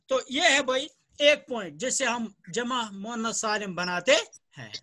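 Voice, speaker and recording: A man's voice: high voice, sharp tone. A man from Jammu and Kashmir, India, teaching an Arabic grammar lesson over a video call. He drills words with his students, repeats each one patiently and praises them often.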